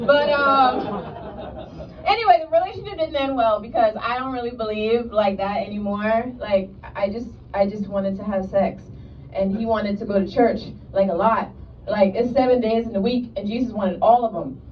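A woman's voice: fairly high pitch, moderate pace, slight background noise. A woman performing a stand-up comedy set, chatty and loose, with many "like" asides. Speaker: stand-up comic. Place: comedy club stage. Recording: distant mic, dull lo-fi sound, loud audience laughter.

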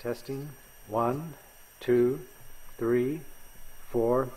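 A man counts off a plain sound test, his voice squeezed through an AM radio equalizer filter. Underneath, his tone is mellow and slightly husky, and it sits at a distance from the mic. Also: medium pitch, fairly even intonation, extremely slow. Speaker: instructor. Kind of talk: software demonstration.

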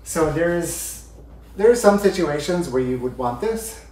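A man's voice: fairly high pitch, expressive, slow pace, a little mellow, far from the mic. A man in his thirties giving a home ski tutorial in a living room, explaining step by step as he handles the skis. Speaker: ski instructor. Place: living room by a brick fireplace. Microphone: far camera. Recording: roomy living room, voice from afar.

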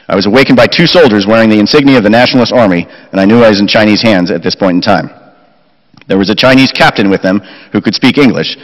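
A middle-aged man reading a family war story aloud at a chapel lectern, steady, with quoted recollections. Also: fairly low pitch. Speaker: chapel speaker. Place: school chapel, indoors. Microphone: lectern mic. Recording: chapel reverb.

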